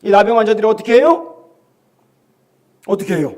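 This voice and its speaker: A male pastor with a Gyeongsang Korean accent preaching a sermon, telling the story with animated acted quotes and questions to the congregation. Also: high voice, fairly quick.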